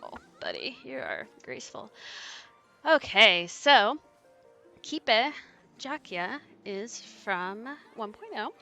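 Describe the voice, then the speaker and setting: A woman's voice: fairly high pitch, sing-song, vocal fry, pushed and bright, soft background music. A woman chatting casually and playfully while she streams a game at home. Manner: playful, chatty, quick to laugh. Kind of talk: casual let's-play commentary. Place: home, with her cat. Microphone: desk microphone.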